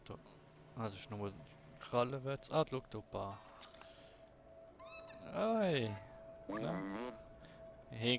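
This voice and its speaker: A man's voice: mid-range voice, background noise. A man with a Swiss German accent giving casual let's-play commentary as a livestreamer, mumbling asides and talking to the game's cat. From Switzerland. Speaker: livestreamer playing a video game. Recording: game music playing clearly behind.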